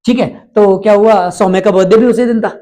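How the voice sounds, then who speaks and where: A man's voice: high voice, steady tone, fairly quick, mellow. A male teacher from India giving an exam-prep lecture, constantly quizzing his students and repeating the answers.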